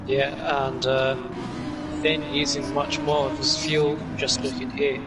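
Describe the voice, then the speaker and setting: Distant male motorsport commentator, loud engine noise. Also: on the high side, level tone, takes it slowly. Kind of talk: live sim-racing commentary. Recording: distant mic under loud car noise.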